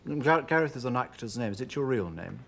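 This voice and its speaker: A man's voice: medium pitch, animated, fast, creaky, fairly bright tone. A man hosting a TV chat show, asking teasing, wry questions in playful banter. He has a Northern English accent.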